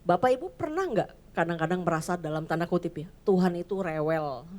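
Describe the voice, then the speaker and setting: A woman pastor giving a sermon in church, chatty and lively, often acting out little voices. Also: fairly low pitch, fairly quick. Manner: lively, conversational, acts out voices.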